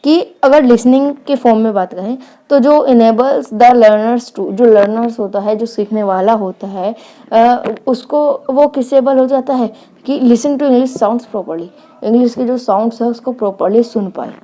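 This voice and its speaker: A woman teaches an online lecture in a warm, mellow voice that sits a little high. She reads English phrases out slowly, then explains each one in turn.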